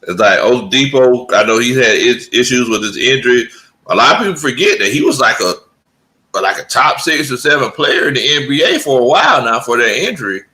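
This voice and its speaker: A man with a Southern American accent co-hosting a casual sports chat, relaxed and agreeable. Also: medium pitch, rough recording. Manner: relaxed, agreeable, quick affirmations. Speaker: co-host.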